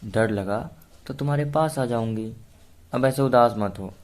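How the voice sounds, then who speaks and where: A cheerful, easily flustered young woman in love, put on by a male storyteller. She speaks in a voice pitched up and a little louder than a man's own, as in a read-aloud storybook. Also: measured pace, lightly acted.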